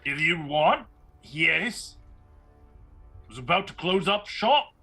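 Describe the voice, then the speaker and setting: A man's voice: on the high side, expressive, takes it slowly, vocal fry, pushed and bright, breathy edge, soft background music, voice pushed up, full character voice. A man voicing a terse, creepy middle-aged taxidermist in a tabletop fantasy game. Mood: gruff, unhurried. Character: gruff middle-aged stocky townsman taxidermist.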